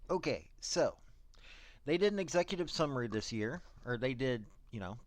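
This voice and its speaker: On the high side and recorded with no room sound, a man delivers commentary on prison investigations. He quotes official reports aloud, interrupting with opinionated, blunt, and casually sarcastic asides.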